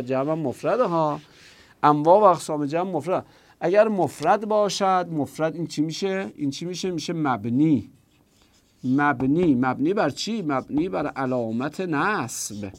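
A man teaching an Arabic grammar lesson in Persian, asking questions and answering them himself while he repeats the examples slowly. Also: a little high.

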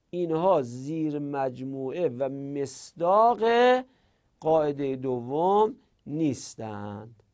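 A man's voice: a little high, a little mellow. A man teaching a grammar lesson, repeating word forms and arguing with imagined students. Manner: explains with rhetorical back-and-forth, repeats word forms.

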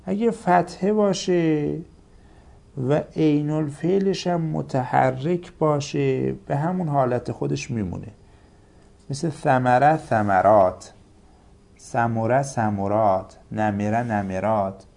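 A man's voice: mid-range voice, creaky, a little mellow. A man teaching a grammar lesson, listing example words in careful paired recitation. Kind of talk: Arabic grammar lecture.

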